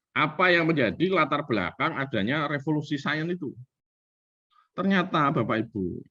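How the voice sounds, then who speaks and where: Older man giving a chatty lecture, mid-pitched voice, sounds a bit muffled. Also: fairly bright tone. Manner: conversational, frequent fillers like "gitu" and "ya", addresses audience as Bapak Ibu. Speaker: lecturer at a study circle. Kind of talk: informal lecture. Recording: muffled lo-fi recording.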